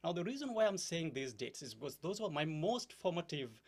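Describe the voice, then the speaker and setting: A man's voice: fairly high pitch, sing-song, brisk, gravelly. A man in his thirties from Kenya with a Kenyan accent, a guest in an interview, earnest and hesitant, with many fillers. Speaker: political candidate guest. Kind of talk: interview conversation.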